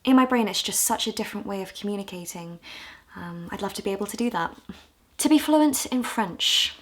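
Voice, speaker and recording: A woman from the UK in her twenties, talking candidly and with self-deprecating humor in a casual vlog, her voice a little hoarse. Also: medium pitch, animated, brisk. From United Kingdom. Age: 20s. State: hoarse, low on voice. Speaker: vlogger.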